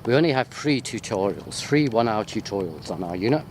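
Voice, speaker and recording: A very animated UK university lecturer with a fairly low voice talks a little fast in an unscripted walking video through botanical gardens. Shot on a handheld wide-angle sports camera, his chat is jokey, rambling and prone to distraction. Outdoor ambient noise from walking is audible.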